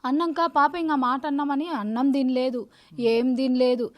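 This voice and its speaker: Woman, high voice, urgent pleading testimony. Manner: rapid, urgent, pleading storytelling. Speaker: victim's older sister. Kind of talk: emotional interview testimony.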